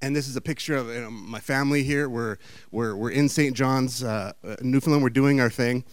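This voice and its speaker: A man's voice: mid-range voice, brisk, dry recording. A man giving a chatty, meandering storytelling talk with slides.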